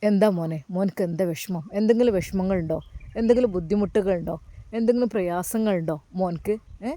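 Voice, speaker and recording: A man's voice: high-pitched, fast, mellow, dry recording, lightly acted. A woman doing a fussing old mosque caretaker. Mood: gentle coaxing. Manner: coaxing, repeats tender address, many questions. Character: kindly elderly male mosque caretaker, fussing and fatherly.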